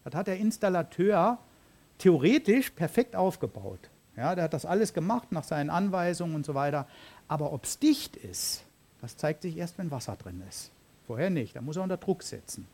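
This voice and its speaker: A man's voice: on the high side, big pitch swings, normal speed, a little mellow. A man preaching a sermon in an informal, conversational way, often dropping in fillers and asking his listeners questions. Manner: conversational, frequent "ja" and "ähm" fillers.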